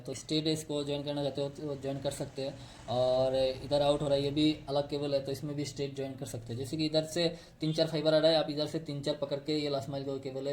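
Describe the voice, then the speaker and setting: A man's voice: a little high, a little mellow. A man explaining step by step how fiber optic cables are tapped and connected, pointing to a diagram he drew. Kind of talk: technical tutorial.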